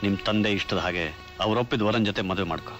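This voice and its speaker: An actor playing a devoted young lover who speaks softly and earnestly. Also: male voice, on the low side, fast, highs cut off, lightly acted. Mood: tender. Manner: soft, tender, earnest. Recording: film soundtrack with music under. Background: film score music.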